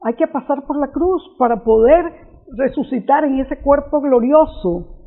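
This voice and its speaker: A man's voice: very high voice, expressive, measured pace. A man preaching an unscripted reflection on scripture, earnest, often restarting and repeating his phrases. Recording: tinny phone-like audio.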